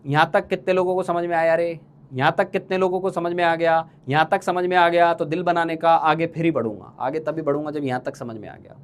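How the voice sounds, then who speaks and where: A man with a high voice teaching chemistry to exam students. He keeps firing the same question twice and teases the class fondly. His talk is quick and chatty, the way a coaching teacher talks. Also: steady tone. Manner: teasing, calls students playful names. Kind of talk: live online exam-prep lecture.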